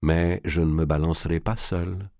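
A man playing a scheming merchant, cool and cutting, deep voice, lively pitch, dry sound. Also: a little slow, dry recording, full character voice. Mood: cold. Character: cold calculating middle-aged male merchant.

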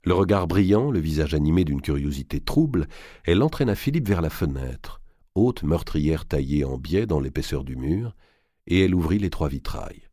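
A man reading a historical novel aloud in a measured, literary narration. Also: very deep voice, lively intonation, mellow, no echo, clean studio sound. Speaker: audiobook narrator. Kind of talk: scripted narration.

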